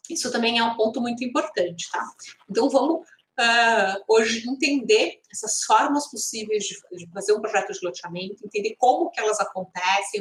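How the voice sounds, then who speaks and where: Higher-voiced Brazilian woman in an echoey room. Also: a bit bright. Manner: conversational, often adding tag questions. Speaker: live stream host and instructor. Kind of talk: informal explanatory live stream talk.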